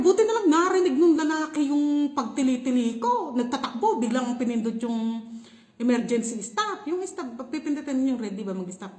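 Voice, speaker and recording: A young Filipina woman telling a story in a casual vlog, animated and laughing often. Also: sits high, roomy sound. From Philippines. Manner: animated, laughing, shrieks when reenacting. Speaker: vlogger.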